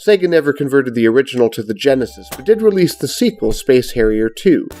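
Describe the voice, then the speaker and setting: A man's voice: mid-range voice, lively intonation, fast, a little mellow. Middle-aged man narrating over music. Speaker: host of a retro gaming show. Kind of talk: scripted review narration.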